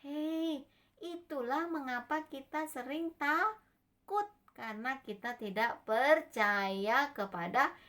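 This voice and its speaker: Animated woman telling Bible stories to children. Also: high-pitched, slow pace. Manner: animated, questions children, slips into whispers. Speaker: Sunday school teacher.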